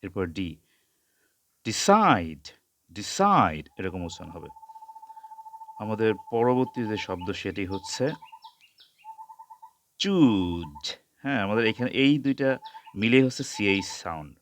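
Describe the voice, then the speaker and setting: A man teaching English pronunciation, spelling out sounds slowly and repeating each word several times. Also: lowish voice, slight background noise. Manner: mixes Bengali explanation with English words. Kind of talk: slow spoken lesson, spelling out sounds.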